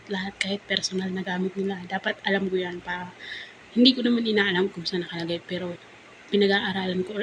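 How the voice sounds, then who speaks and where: A woman's voice: mid-range voice, noisy background. Woman from the Philippines, live-in house helper, casual storytelling at home, chatty, laughs a lot, mimics others. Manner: chatty, laughs often, acts out quoted voices. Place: employer's house, indoors.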